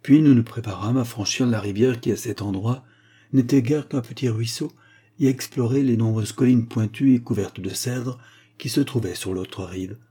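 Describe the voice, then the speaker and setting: A man reading a short story aloud as narrator, in a measured storytelling manner. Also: mid-range voice, dark tone, slightly rough. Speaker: audiobook narrator. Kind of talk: scripted narration.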